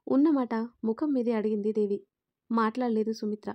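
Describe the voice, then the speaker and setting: Woman storyteller, high dry voice. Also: fairly even intonation, fairly quick, no echo, lo-fi sound. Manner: reads all characters in her own voice, lifting louder for quoted lines. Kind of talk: scripted narration with character dialogue.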